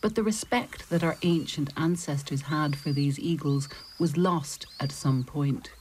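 Female narrator, low register; measured nature documentary storytelling, deliberate pauses, ambient noise behind. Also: darkish tone.

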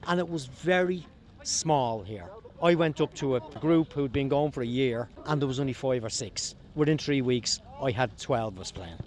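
A man's voice: medium pitch, animated, normal speed, a little mellow. A man with an Irish accent who organises a walking football group, answering interview questions in an earnest, plain-spoken way.

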